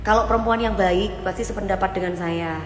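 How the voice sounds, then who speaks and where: A woman's voice: mid-range voice, steady tone, fairly quick, roomy sound, long reverb tail, over music. Blunt scolding woman. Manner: blunt, scolding, mixes Javanese into Indonesian. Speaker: live-stream host reading viewer comments. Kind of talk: casual live-stream chat.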